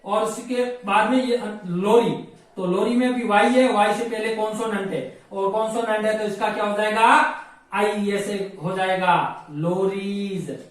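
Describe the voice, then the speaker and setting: High-voiced male teacher in an echoey room. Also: fairly even intonation, distant mic. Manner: explains slowly, repeats rules, spells words letter by letter. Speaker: English grammar teacher. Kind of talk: classroom grammar lesson.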